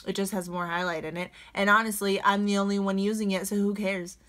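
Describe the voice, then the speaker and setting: A woman's voice: medium pitch, flat delivery, a little fast, fairly bright tone. A young woman chatting casually in a vlog, reading out comments and answering them with sarcastic, sassy retorts. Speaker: beauty vlogger reading comments.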